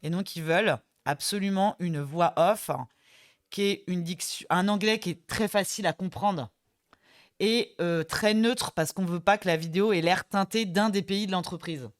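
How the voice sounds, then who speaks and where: A woman's voice: lowish voice, moderate pace. A woman co-hosting a webinar, explaining things in a chatty, teasing way. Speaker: co-host of a company webinar. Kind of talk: casual webinar chat.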